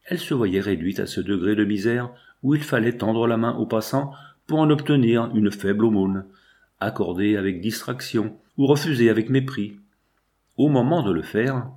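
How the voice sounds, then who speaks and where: A man reading a classic novel aloud in a measured, expressive way. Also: on the low side. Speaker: narrator.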